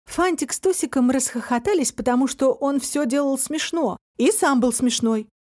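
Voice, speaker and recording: A woman's voice: high voice, normal speed, darkish tone. A woman narrating a children's story, reading it aloud expressively.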